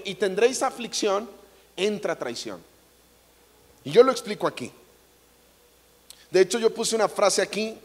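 A man with a Mexican accent giving a comic inspirational talk to an audience, an animated, jokey storyteller who acts out voices. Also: high voice. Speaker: motivational speaker. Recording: echoey large hall.

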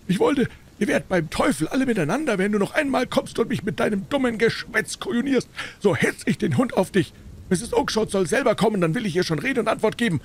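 A man's voice: on the high side, wildly swooping pitch, slight background noise, pitched above the performer's own voice. A man doing a bellowing, furious poultry dealer. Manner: shouting, bellowing, fast. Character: angry gruff male poultry dealer.

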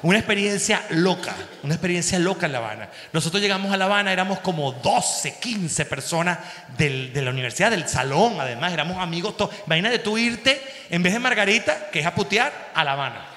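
A Venezuelan man in his forties, a comedian host telling a story on stage in an animated way, with crude slang and sound effects. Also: high voice, brisk. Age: 40s. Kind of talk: stand-up storytelling. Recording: echoey hall.

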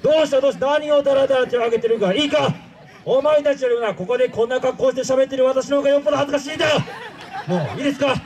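An actor playing a pompous male android villain, speaking grandly to a live show crowd and shouting his calls. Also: very high voice, racing, rough recording. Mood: commanding. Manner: grandiose commanding speech, loud shouted calls. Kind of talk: live character-show acting.

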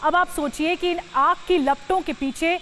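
A woman's voice: very high-pitched, fairly even intonation, normal speed, a bit bright, slight background noise. A woman news anchor narrating breaking news in an urgent, dramatic tone, often asking the viewer to imagine the scene.

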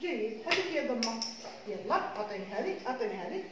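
A woman with an Algerian Arabic accent leads a preschool class, her high voice stretching syllables and cheering the children on. The classroom is very echoey and noisy behind her. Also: big pitch swings. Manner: encouraging, drawn-out syllables. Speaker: preschool teacher. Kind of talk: classroom teaching.

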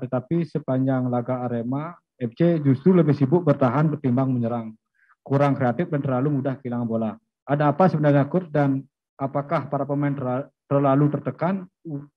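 A man moderating a football press conference, politely introducing speakers and reading out reporters' questions. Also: medium pitch. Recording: dull lo-fi sound.

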